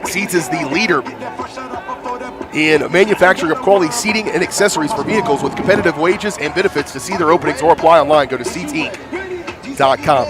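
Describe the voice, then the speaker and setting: A man doing live high school football commentary with a thick smoker's rasp, congested from hay fever. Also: animated, a little fast, music in the background. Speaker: play-by-play announcer. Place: outdoor football stadium broadcast.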